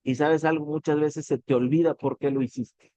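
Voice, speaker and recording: A man's voice: a little high, fairly even intonation, moderate pace, dark tone, no echo. A man with a Mexican accent giving an earnest motivational talk, addressing the listener directly and swearing casually. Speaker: motivational business speaker.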